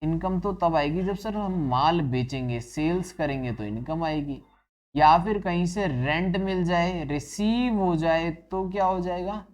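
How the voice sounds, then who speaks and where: A man with a voice on the high side lectures on accounting at a measured pace, classroom style. He poses questions to his students and answers them himself, sprinkles in English terms, and addresses the students as children.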